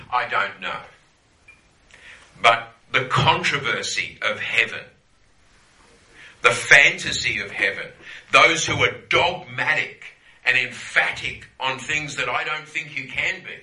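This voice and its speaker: A man's voice: mid-range voice, sharp tone, roomy sound, poor audio. A man teaching a Bible class to a group, conversational, often checking in with "yeah?" and repeating phrases for emphasis.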